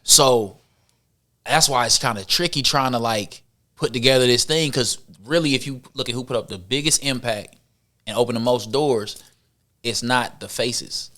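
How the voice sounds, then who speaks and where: A man, a guest musician, chatting casually on a podcast, animated, repeating himself and laughing often. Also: medium pitch, moderate pace.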